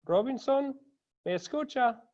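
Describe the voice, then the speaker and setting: A man, a pastor, calmly and courteously greeting each student by name in an online class over a video call. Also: extremely high pitch, slow. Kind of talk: unhurried roll call of students. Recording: dull lo-fi video call audio.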